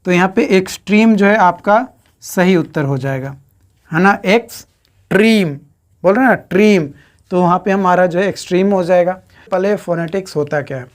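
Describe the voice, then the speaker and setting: A woman teaching an exam-prep lecture in speech, counting syllables aloud and repeating each question and answer for her students. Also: medium pitch.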